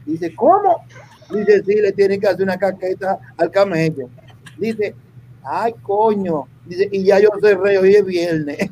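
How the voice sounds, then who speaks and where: A man's voice: high voice, normal speed, lo-fi sound, slight background noise. A man telling jokes on a podcast, acting out the voices of the people in his stories. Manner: animated storyteller acting out quotes. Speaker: comedian.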